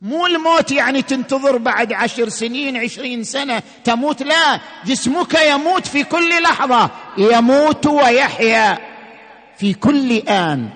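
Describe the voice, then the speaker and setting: A man giving a sermon-style religious lecture, emphatic, slowing and rising on key words. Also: very high voice, expressive, a bit bright, in a large hall.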